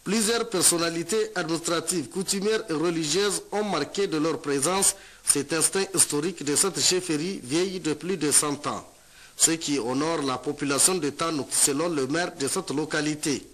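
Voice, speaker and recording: Formal male news reporter, slightly high voice. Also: fairly bright tone, low-quality recording. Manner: measured, formal delivery.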